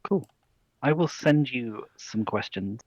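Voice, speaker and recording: A man chats casually as a player in a tabletop game, polite and amused. His voice sits mid-pitch and sounds dry and close. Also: lively intonation, slow, darkish tone, no echo, dull audio.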